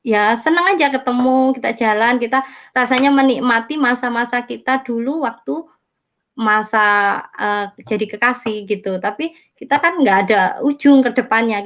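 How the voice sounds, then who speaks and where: A woman casually telling her conversion testimony, rambling with many fillers and self-corrections. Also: on the high side. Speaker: testimony speaker. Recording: dull lo-fi sound.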